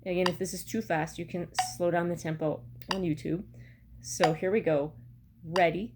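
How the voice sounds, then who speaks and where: A woman's voice: lowish voice, steady tone, normal speed. A middle-aged woman giving an instructional music lesson to camera, explaining step by step and counting out beats. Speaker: bagpipe practice chanter teacher. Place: small room at home, indoors. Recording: clear background noise, home recording. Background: metronome clicks at times, room noise.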